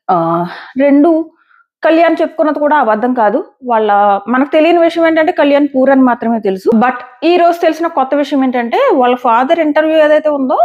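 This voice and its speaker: A woman's voice: sits high, lo-fi sound. A woman giving casual, emphatic commentary as a show reviewer, arguing her points and repeating them.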